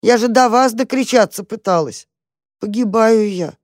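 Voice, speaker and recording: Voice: medium pitch, moderate pace, dry recording, clean studio sound, voice pushed up, lightly acted. A storyteller voicing a frightened, starving female cat who whines and pleads in a tearful voice. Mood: whining, pleading.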